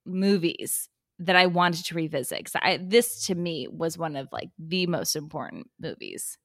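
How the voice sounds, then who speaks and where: A woman's voice: low voice, animated, normal speed, a bit bright, no room sound, studio quality. A woman co-hosting a podcast in casual chat, chatty and giggly, often restarting and trailing off mid-sentence. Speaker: podcast co-host.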